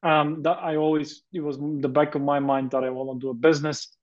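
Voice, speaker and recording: Heard over a muffled line, a Bulgarian man talks a little fast in a flat, high-leaning voice. He's the entrepreneur guest on a podcast interview, earnest yet hesitant and full of fillers.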